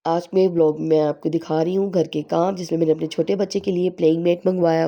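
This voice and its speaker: A woman with a slightly hoarse voice from a sore throat, calmly explaining parenting advice point by point in a home vlog. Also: low-pitched. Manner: calm, explanatory advice-giving, pausing on numbered points. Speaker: parenting vlogger.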